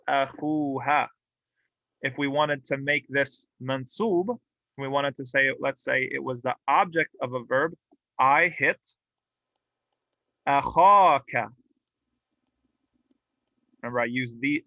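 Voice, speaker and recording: A man's voice: medium pitch, vocal fry, bright, forceful tone, no echo, lo-fi sound. A man teaching a classroom grammar lesson, explaining patiently and drilling example words aloud with light humor. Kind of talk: classroom lecture. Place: mosque classroom.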